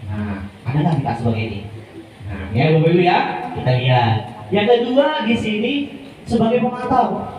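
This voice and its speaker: A man's voice: sits high, sing-song, brisk, long pauses, a little mellow. A man leading a workshop for teachers, chatty and informal, often turning to the audience and acting out how teachers talk. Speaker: teacher trainer presenting to teachers. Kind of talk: lively workshop presentation. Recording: echoey room recorded from a distance.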